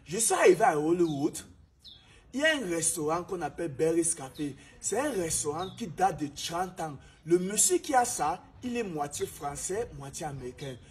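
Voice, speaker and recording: A young Cameroonian restaurant manager with a Cameroonian French accent tells his life story as a motivational talk, preachy and emphatic, repeating himself. His male voice is on the high side, with a little hiss or hum.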